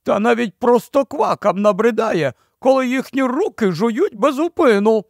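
A man voicing a gloomy, lanky male marsh creature in an audiobook, in a high, creaky, slow voice. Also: expressive, dry recording, studio quality, full character voice. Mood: gruff. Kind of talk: audiobook character voice.

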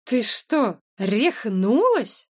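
Woman doing a timid glum thirty-something, flustered protests, kinda high. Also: very animated, extremely slow, husky, heavily acted. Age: 30s.

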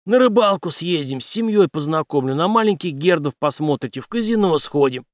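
A man reading an audiobook, voicing a stubborn, brash male intelligence officer who speaks forcefully in clipped phrases. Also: a little high, lively intonation, a little fast, dry recording, clean studio sound, pitched above the performer's own voice, natural voice.

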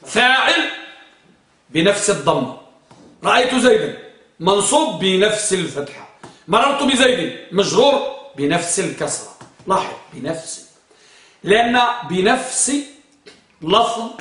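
A man's voice: sits high, a bit bright. A man teaching a grammar class, quizzing his students and repeating their answers. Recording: echoey room, far from the mic.

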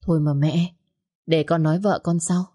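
Brief: woman voicing a gentle young husband, slow placating delivery, low mellow voice. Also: fairly even intonation, slightly rough.

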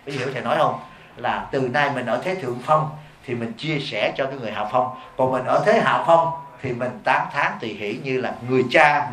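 Male Buddhist monk, rapid emphatic sermon delivery, recorded in an echoey hall. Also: mid-range voice, a bit bright, a little hiss or hum. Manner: blunt and emphatic, keeps questioning the audience. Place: hall before a live audience.

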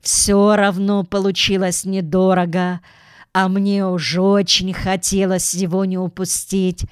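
A woman voicing a kindly older male shopkeeper who speaks in a gentle, reassuring way in a storybook reading. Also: mid-range voice, little pitch movement, a little slow, clear, resonant tone, dry recording, clean studio sound, natural voice. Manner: soothing, gently persuasive.

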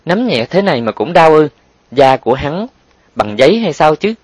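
A man reading an audiobook and voicing a gruff older working man who speaks bluntly and threateningly. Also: lowish voice, steady tone, fairly quick, fairly bright tone, no room sound. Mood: puzzled. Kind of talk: audiobook character voice.

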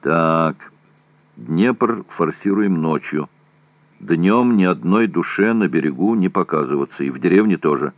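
A man voicing a calm, measured army major with a thick voice. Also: sits low, dry recording, muffled recording.

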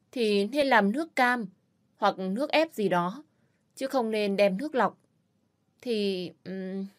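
Woman doing sly young flatterer, fawning, ingratiating, story reading. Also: fairly high pitch. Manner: quick, ingratiating.

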